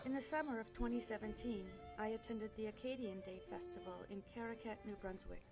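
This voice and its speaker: A woman reading scripted documentary narration in a measured, informative way. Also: a little high, over loud music. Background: musical instruments.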